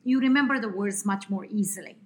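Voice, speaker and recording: A woman's voice: mid-range voice, a little fast. A woman with an Indian accent, a guest expert explaining ideas at length in an interview, with frequent fillers and restarts.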